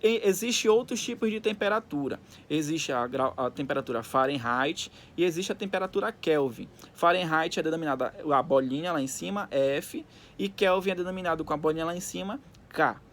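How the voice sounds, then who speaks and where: A man's voice: on the high side, expressive, brisk, fairly bright tone. A male teacher giving a recorded school lesson, dictating from a textbook in segments and explaining didactically with frequent check-in tags. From Brazil.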